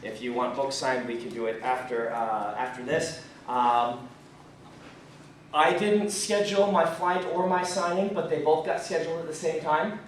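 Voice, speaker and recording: A man's voice: fairly high pitch, normal speed, a little hiss or hum. A man in his thirties giving a casual writing lecture at a fan convention, chatty with many ums and restarts, his speech a little muffled by a throat lozenge. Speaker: writing teacher. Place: convention room, in front of an audience. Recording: echoey hall, far from the mic.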